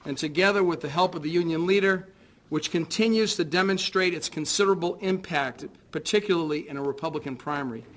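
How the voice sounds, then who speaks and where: An American political candidate gives a prepared concession speech in a formal, measured, and earnest manner, his voice a little high and a bit bright.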